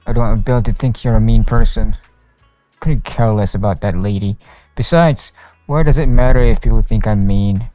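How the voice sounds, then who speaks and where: A game streamer with a lowish, mellow voice speaks at a normal speed while livestreaming, reading the game's dialogue and narration aloud and stumbling now and then. The recording sounds roomy, with faint game music in the background.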